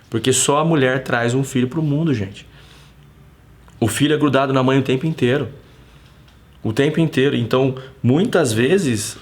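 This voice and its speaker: A man with a Brazilian accent hosts a casual live stream from his home, his voice sitting at an ordinary middle pitch. He talks in an animated, slangy way and often acts out bits of dialogue as he tells a story.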